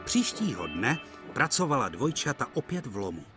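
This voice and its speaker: A man narrating a cartoon storybook-style in an expressive way. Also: mid-range voice, over music.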